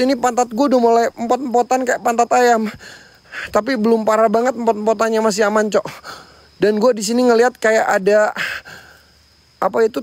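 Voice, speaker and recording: A man's voice: very high voice, no echo. A man hosting a night ghost-hunting vlog outdoors near a sacred tree, jumpy and frightened as he talks to his viewers. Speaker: paranormal explorer and host.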